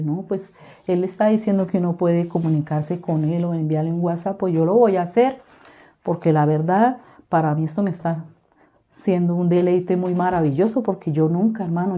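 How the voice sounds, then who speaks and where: Woman telling her church testimony, super dark mellow voice, fervent, keeps repeating and saying hermanos. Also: lowish voice. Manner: fervent, repetitive, often addresses listeners as brothers. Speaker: guest giving testimony. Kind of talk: religious testimony to a congregation.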